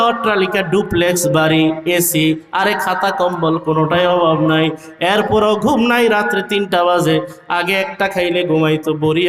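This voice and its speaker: A high-pitched male preacher who delivers his sermon in a rhythmic way, rising into shouted peaks and drawing out sung phrases. His voice rings through an echoey hall, with faint music underneath. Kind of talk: Bengali waz sermon.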